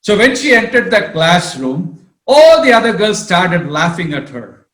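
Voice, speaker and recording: A man's voice: high voice, very animated, measured pace, fairly bright tone. A man, a priest, giving a sermon-style talk and telling stories, often calling his listeners friends. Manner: storytelling, addresses listeners as friends. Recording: roomy echo.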